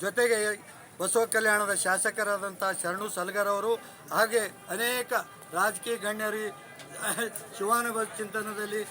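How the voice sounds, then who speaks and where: A man's voice: high-pitched, little pitch movement, measured pace, bright, forceful tone, soft background music. A man, a fair organizer, giving a formal declamatory speech outdoors at a village fair. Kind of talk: formal speech to a news camera. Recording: busy outdoor crowd noise.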